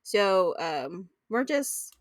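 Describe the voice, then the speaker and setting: A woman co-hosting a casual podcast, bubbly and given to excited gasps, her voice coming through a tinny backup microphone. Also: medium pitch, very slow, no echo, studio quality. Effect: tinny, like talking through a tin can. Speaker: podcast co-host. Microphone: makeshift backup microphone.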